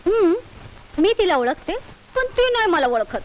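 A woman's voice: extremely high pitch, big pitch swings, measured pace, highs cut off, slight background noise, full character voice. An actress playing a sly village woman who talks in a bold, taunting, rustic way. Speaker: film character. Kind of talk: 1980s film acting. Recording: old film soundtrack with music.

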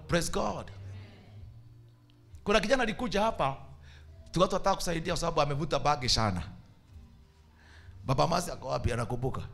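Bishop preaching, animated and gravelly. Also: male voice, sits high. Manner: animated preaching, mixing Swahili and English. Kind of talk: sermon.

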